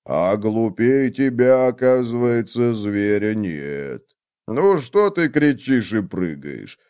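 A man voicing a big, lazy male buffalo who drawls slowly and teases. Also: mid-range voice, sing-song, warm tone, smooth. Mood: mocking. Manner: slow, drawling, teasing.

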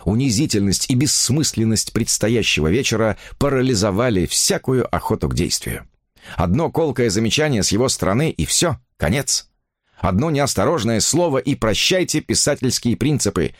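A man reading a novel aloud in a measured, expressive audiobook narration. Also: on the low side, dry recording, clean studio sound.

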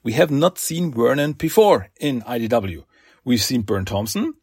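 A man's voice: mid-range voice, lively intonation, moderate pace, a little mellow, husky, no echo, clean studio sound. A man hosting a podcast who casually recaps comic book issues, rambling and acting out quoted lines with many fillers. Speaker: podcast host.

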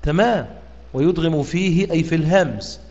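A man with an Egyptian accent teaches the rules of Quran recitation, his voice a touch higher than most. He keeps asking his listeners "what?" and slowly stretches out the sample words he recites. The audio is dull and lo-fi, with a long, hall-like reverb trailing each phrase. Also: darkish tone. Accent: Egyptian Arabic. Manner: questioning, pausing with "what?" for students to answer; drawn-out demonstrative recitation of words. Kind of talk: explaining Quran reading rules to students.

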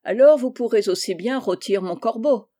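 A cheeky young peasant lad from a storybook, loud and blunt, with a ready answer for everything, as a woman narrator puts him on. The voice stays warm and mellow under the bravado. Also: on the high side, normal speed, close to an everyday voice. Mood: brash.

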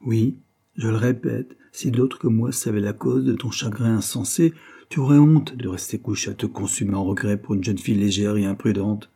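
Man voicing a calm earnest young friend, reproachful, husky, audiobook. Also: lowish voice, moderate pace. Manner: calm, lecturing. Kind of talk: audiobook character voice.

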